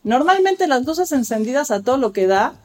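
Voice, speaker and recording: A woman's voice: high-pitched, very animated, moderate pace, a little mellow. A woman, speaking as an expert guest and explaining childbirth care in an articulate, lecturing way. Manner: articulate, lecturing, acts out quoted dialogue. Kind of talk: explanatory interview talk.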